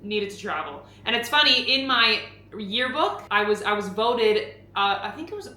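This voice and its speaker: A woman's voice: medium pitch, lively intonation, moderate pace, sharp tone. A young woman from Canada answering viewer questions in a casual chat, full of "like" fillers and the odd swear word. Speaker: fitness creator and host. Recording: echoey room with faint background noise.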